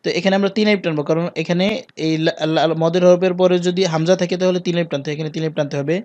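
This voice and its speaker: Male recitation teacher, slightly high voice, flat delivery, dry close sound. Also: dry recording, dull audio. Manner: slow, drawn-out chanting of recited phrases between plain explanations. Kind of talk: spelling out and reciting the call to prayer.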